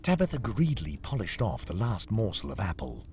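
A man's voice: lowish voice, huge pitch swings, a little fast, a little mellow, a little hiss or hum. A man narrating a comic storybook game in a wry, sardonic, theatrical way.

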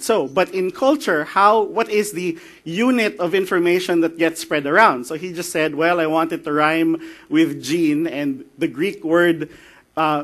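Filipino guy doing a conference talk, high bright voice, jokey and chatty. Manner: joking, chatty, mixes in Tagalog phrases. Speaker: conference speaker. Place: conference hall.

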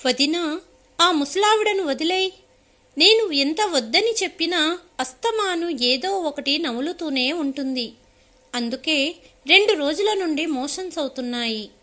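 A woman's voice: high-pitched, expressive, measured pace, sharp tone, exaggerated voice. A woman voicing a harsh, domineering sister-in-law who speaks with scorn. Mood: dismissive.

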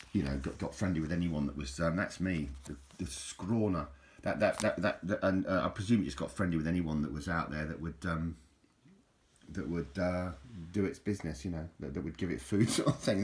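A man's voice: sits low, slight background noise. A middle-aged man, casually reminiscing over old photos in a rambling way, often repeating his words. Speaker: vlogger.

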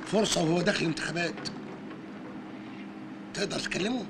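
A man's voice: on the high side, a little fast, creaky, noisy background. An actor playing a teasing, conspiratorial male coworker with an Egyptian accent. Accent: Egyptian Arabic.

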